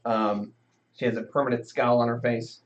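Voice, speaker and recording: A man's voice: mid-range voice, level tone, moderate pace. A man narrating as game master, rambling with lots of fillers. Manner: rambling, full of fillers and hedges. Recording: dull lo-fi sound.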